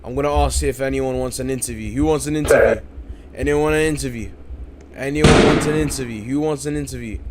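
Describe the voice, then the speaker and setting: Speaking a little fast over background noise, a medium-pitched man commentates a live-streamed game event late at night. He's at home in the UK, worn out but excited, repeating himself and saying "you guys" again and again.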